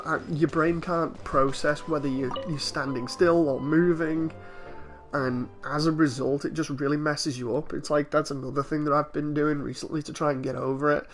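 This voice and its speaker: A male streamer with a fairly high voice rambles casually to his viewers. His talk is conversational, with light game music behind it. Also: a bit bright. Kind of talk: casual livestream chat over a game.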